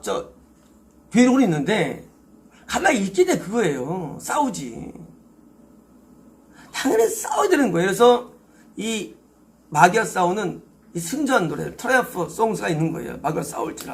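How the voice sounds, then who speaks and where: A man's voice: high voice, creaky. A male pastor preaching an expository sermon, emphatic, asking rhetorical questions and answering them himself.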